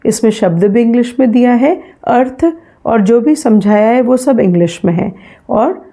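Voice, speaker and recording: A middle-aged woman teacher with a soft, mellow voice that sits a little high. She explains English sounds patiently in Hindi, with an Indian English accent, and says example words again slowly. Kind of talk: phonetics revision lesson.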